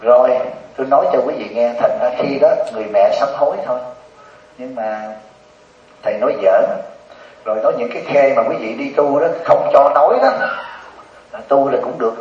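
A man with a Southern Vietnamese accent, a Buddhist monk giving a humorous dharma talk to a congregation as a lively, teasing storyteller. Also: medium pitch, a little fast, pauses often. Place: hall with a live audience. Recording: roomy dull sound from a distant mic.

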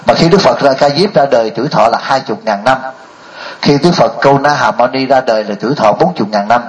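A man's voice: mid-range voice, a little fast, highs cut off. An older man giving a Buddhist dharma talk, telling stories and often asking the audience rhetorical questions. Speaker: Buddhist monk.

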